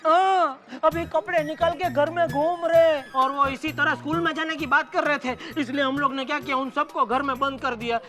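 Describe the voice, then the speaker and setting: An actor voicing a flustered, panicky middle-aged shopkeeper in a cartoon, talking fast and defensively. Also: male voice, very high voice, soft background music. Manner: excitable, defensive. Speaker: cartoon character.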